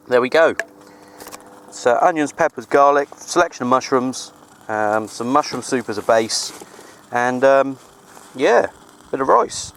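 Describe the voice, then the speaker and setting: Filming on a handheld camera in rural surroundings, a man who vlogs about amateur CB radio rambles casually and comfortably. His voice sits in the mid-range, with slight background noise behind it.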